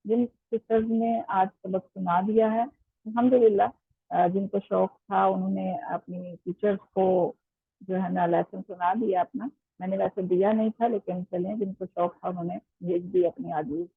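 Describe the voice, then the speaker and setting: A woman with a husky, slightly gravelly voice, patiently explaining an online recitation lesson. Her speech is full of pauses and fillers. The sound is thin and phone-like, and the room is dry. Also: medium pitch, steady tone, dry recording. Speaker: Quran recitation teacher. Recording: tinny phone-like line.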